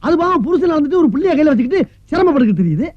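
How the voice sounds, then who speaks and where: Shrill, fast-nagging comic tenant, dry muffled film track. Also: male voice, sing-song, no room sound. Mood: scolding. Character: mocking talkative male tenant friend. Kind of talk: Tamil film comedy dialogue. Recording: dull film soundtrack.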